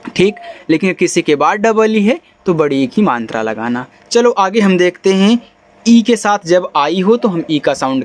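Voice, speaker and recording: A man teaching English spelling and pronunciation step by step to beginners, often checking if the students follow. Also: sits high. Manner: explains step by step, asks students if they follow. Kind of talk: whiteboard phonics lesson in Hindi.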